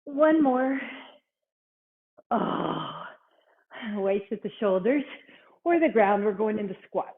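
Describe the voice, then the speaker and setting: A woman's voice: mid-range voice, animated, takes it slowly, creaky, pauses often. A woman instructor leading a workout, exercising along as she gives short cues and encouragement. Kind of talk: workout coaching, counting reps and cueing moves. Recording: thin, phone-like, band-limited sound.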